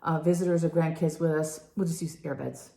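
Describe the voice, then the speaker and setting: An older woman with a fairly low, soft-edged mellow voice hosts a casual vlog review. She talks in a chatty, emphatic way and repeats herself to make a point. The room adds noticeable echo. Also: steady tone, a little fast, creaky. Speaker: vlog host. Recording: roomy, echoey indoor sound.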